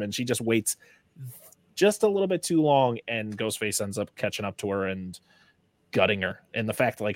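A man's voice: on the low side, no room sound. A man on a podcast as a guest, chatting eagerly about horror films and restarting his sentences often. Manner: enthusiastic, rambling with restarts. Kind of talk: casual film discussion.

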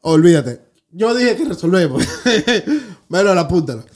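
High-pitched, insistent Dominican man. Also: lively intonation, fast talker. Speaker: podcast co-host. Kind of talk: casual joking chat.

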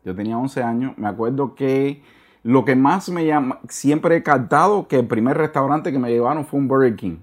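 A middle-aged man from Cuba with a Cuban Spanish accent, a guest in a casual interview, talking earnestly and often pausing to search for words. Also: mid-range voice.

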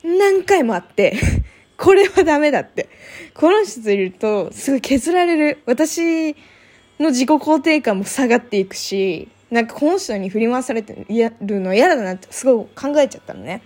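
A woman's voice: sits high, expressive, normal speed, a little mellow. A young woman chatting casually to her viewers, telling a personal story with many fillers and acted-out quotes. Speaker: vlogger.

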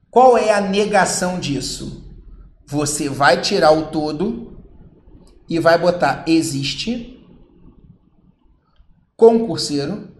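A man with a Brazilian Portuguese accent teaching logic to exam candidates, lively and acting out students' questions. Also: high-pitched, echoey room. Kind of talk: logic lesson with on-screen board.

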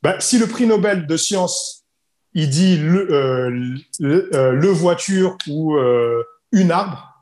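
French man, English teacher, explains with examples, slightly high voice, roomy sound. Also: animated, slow, a little mellow. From France. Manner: explains with examples, repeats key points. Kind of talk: casual podcast conversation.

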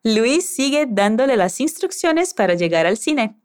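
A woman guides a scripted language lesson at an unhurried pace, her voice rising and falling a lot. She is patient and encouraging and keeps prompting the listener to repeat after her. Her voice sits a little higher than most women's. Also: big pitch swings, clear, resonant tone. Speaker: language teacher.

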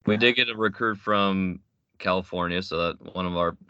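A young adult man talking basketball on a radio chat, quick and matter-of-fact. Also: sits low, bright, forceful tone, clear, resonant tone. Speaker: guest. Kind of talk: casual sports radio chat. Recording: muffled lo-fi audio.

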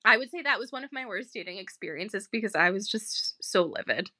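A woman co-hosting a podcast with a sick voice, telling stories in an animated way and laughing often. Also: medium pitch, brisk, no room sound. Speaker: podcast co-host. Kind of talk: casual podcast chat.

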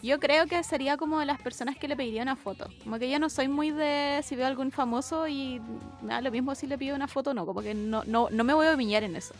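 Mujer chilena entusiasta de voz aguda. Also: female voice, high voice, fast, few pauses, soft background music. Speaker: podcast co-host. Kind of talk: casual chat.

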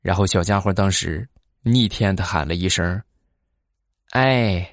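A man's voice: deep voice, fairly even intonation, dry recording, clean studio sound. A man hosting a podcast, telling funny everyday stories in a chatty way and often tacking on tag questions. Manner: chatty, drops tag questions and drawn-out particles. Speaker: podcast host. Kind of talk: comic anecdote storytelling.

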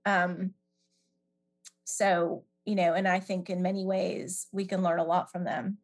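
A woman's voice: on the low side, flat delivery, a little slow. A middle-aged woman from Canada answering questions in a podcast interview, thoughtful and hesitant with many fillers. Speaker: guest.

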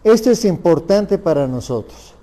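A man's voice: high-pitched, animated, normal speed, warm tone. A man with a Mexican Spanish accent giving a lecture on family law, asking the audience rhetorical questions.

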